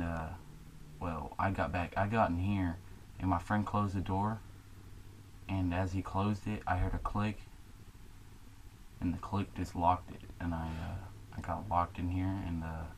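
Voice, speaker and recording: Low monotone guy telling his ghost story, lots of uh and like. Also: a little hiss or hum. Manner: halting, many fillers. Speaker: homeowner recounting a ghost experience. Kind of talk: casual storytelling.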